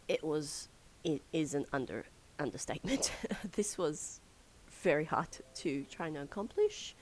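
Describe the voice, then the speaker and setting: A woman's voice sits a little low and sounds hoarse and croaky from being ill. She rambles casually as she comments over her gameplay, pausing on fillers and breaking into soft laughs. A faint hiss runs underneath. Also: rough recording. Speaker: gaming channel host.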